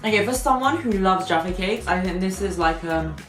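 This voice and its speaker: A young woman chatting on her sister's snack-tasting vlog, relaxed and quick to laugh, trailing off softly. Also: fairly low pitch. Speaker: co-host, sister. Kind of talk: casual snack-tasting chat. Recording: roomy room, faint background music.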